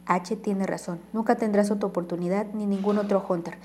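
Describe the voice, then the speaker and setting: A woman voicing a sharp, firm young gamer ally in an audiobook. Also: medium pitch, fairly even intonation, brisk, soft background music, close to an everyday voice. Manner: firm and corrective.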